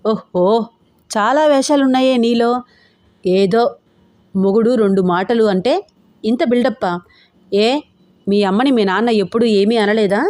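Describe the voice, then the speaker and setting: A woman's voice: medium pitch, moderate pace, a little mellow, dry recording, clean studio sound, lightly acted. A woman playing a teasing young husband. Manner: cajoling, teasing.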